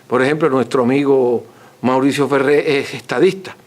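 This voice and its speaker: A man with a medium-pitched voice at normal speed, an author and lecturer, answers audience questions in an extempore scholarly talk. He teaches courteously and didactically, repeating points for emphasis.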